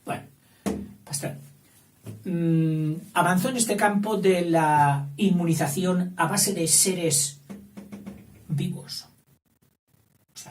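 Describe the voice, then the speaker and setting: A man teaching a school lesson, drifting into digressions, correcting himself, and often checking in with a questioning "eh?". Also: on the high side. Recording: roomy, distant mic, faint background noise.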